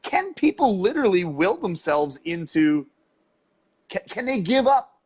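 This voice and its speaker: A man's voice: high voice, sing-song, measured pace, darkish tone, husky. A male podcast host asking probing, supportive questions. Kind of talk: interview questions.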